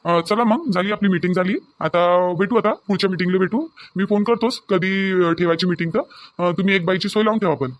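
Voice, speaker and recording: A man's voice: sits high, a little fast, slight background noise, natural voice. A man voicing a businesslike loan officer in a village cartoon, explaining terms with a Varhadi Marathi accent.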